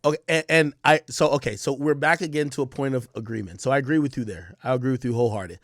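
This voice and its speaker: Fast-interrupting man, stammering repeats. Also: mid-range voice, no echo, clean studio sound. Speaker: hip-hop commentator and streamer. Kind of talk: heated debate on a live stream.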